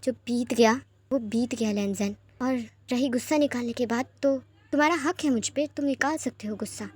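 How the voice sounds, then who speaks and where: A woman's voice: high voice, darkish tone. A woman voicing a tender, stubbornly devoted young prince in a fanfiction reading, insistent and passionate.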